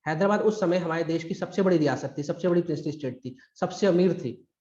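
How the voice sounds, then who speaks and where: A man's voice: fairly high pitch, quick pace, mellow, lo-fi sound. Emphatic man teaching over an echoey call. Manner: conversational and emphatic, acts out quotes. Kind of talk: live online exam-prep history lecture. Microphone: recorded through a video call.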